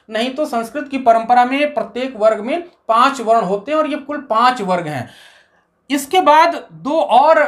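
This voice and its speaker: A woman teaching a Hindi grammar lesson, explaining step by step and asking questions that she answers herself. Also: a little high. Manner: recites letters of the alphabet slowly.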